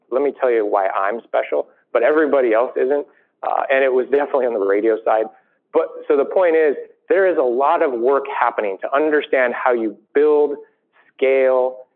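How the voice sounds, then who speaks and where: A man with a mid-range voice closes his conference remarks with a persuasive appeal. The audio is narrow and tinny, like a phone line. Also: medium pitch. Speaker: conference speaker. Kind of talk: panel remarks.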